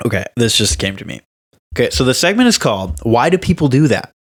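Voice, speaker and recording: A man's voice: mid-range voice, quick pace. A young man co-hosting a podcast, chatting casually and telling stories with emphasis and laughter. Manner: animated, laughing, emphatic storytelling. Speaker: podcast co-host. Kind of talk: casual chat.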